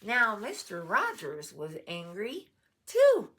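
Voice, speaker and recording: A woman reading a children's picture book aloud, with chatty asides to her dog. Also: on the low side. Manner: slow, animated, chatty asides. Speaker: storybook reader.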